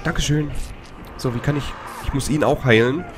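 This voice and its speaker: A man's voice: medium pitch, normal speed. A man commentating his own horror game run, swearing often, switching from nervous muttering to panicky outbursts. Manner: swears a lot, panicky outbursts and whispered hisses. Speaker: let's play gamer. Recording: gameplay with loud music.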